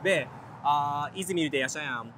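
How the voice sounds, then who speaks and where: Japanese-accented man, halting broken Turkish. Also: a little high, background noise. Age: 30s. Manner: halting foreigner's broken Turkish, hesitant simple phrases. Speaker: interview guest, engineer. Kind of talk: casual on-camera chat. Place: outdoors, walking in a city.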